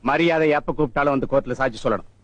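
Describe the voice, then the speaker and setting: An actor playing an arrogant, bullying police officer in a film scene, mocking and domineering. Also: male voice, mid-range voice, racing, dry recording, highs cut off, close to an everyday voice. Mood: threatening. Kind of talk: Tamil film acting.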